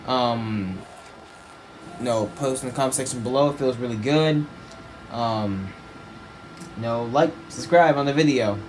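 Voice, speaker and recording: A man's voice: medium pitch, measured pace, long pauses, a little hiss or hum. A young man at home in his room, casually walking viewers through settings step by step, rambling with lots of asides. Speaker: video creator. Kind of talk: casual tutorial walkthrough.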